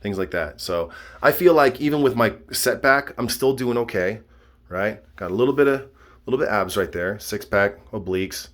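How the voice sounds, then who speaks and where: Casual male fitness vlogger, 30s, lowish voice, rambling, repetitive check-ins. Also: expressive, normal speed, fairly bright tone. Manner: repeats himself, checks in with "okay?" and "all right?".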